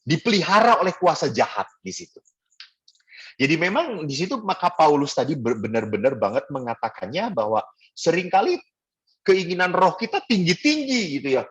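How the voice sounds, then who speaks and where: Middle-aged priest guy, husky voice, chatty youth talk, pitch all over the place when he tells stories. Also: moderate pace. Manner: animated storyteller who acts out voices. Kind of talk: casual spiritual talk to a youth group.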